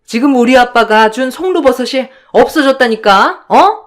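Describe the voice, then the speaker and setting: A woman voicing a scornful middle-aged sister-in-law who shouts accusations. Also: high-pitched, expressive, moderate pace, voice pushed up. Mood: indignant.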